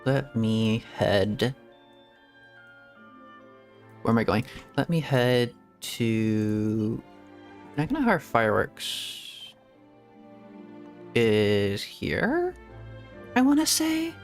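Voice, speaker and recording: Speaking very slowly in a sing-song, mid-range voice with lots of pauses, a male VTuber rambles through casual gameplay commentary. He laughs often, and faint game music can be heard.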